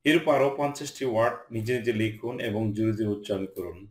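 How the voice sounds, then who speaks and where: A man's voice: fairly low pitch, reverberant. A man teaching English pronunciation in a lesson, reading out word lists one word at a time. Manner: slow, measured listing of single words.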